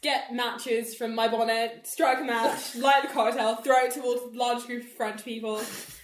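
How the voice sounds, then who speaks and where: A woman's voice: on the high side, level tone, normal speed. A woman playing a tabletop role-playing game, describing her character's actions in a dry, casual way. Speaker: player. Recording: roomy echo, faint noise.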